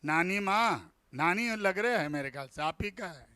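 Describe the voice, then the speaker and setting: A man's voice: high voice, animated, normal speed, pushed and bright, smooth, dry recording. A man from India preaching a fervent sermon in church, calling on the congregation to repeat phrases back to him and dropping "Praise the Lord" between his points. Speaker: pastor.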